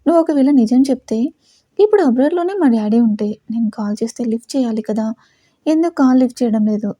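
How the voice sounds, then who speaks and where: A woman's voice: on the high side, brisk, no echo, lightly acted. Woman voicing Sheriyu, a frightened defiant young woman. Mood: angry crying. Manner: tearful, shouting accusations.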